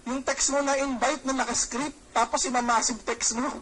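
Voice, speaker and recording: A middle-aged man giving a Taglish seminar talk as a marketing trainer, lively, asking his audience questions and acting out bits of dialogue. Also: very high-pitched, moderate pace, slight background noise, poor audio. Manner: lively, acts out quoted dialogue.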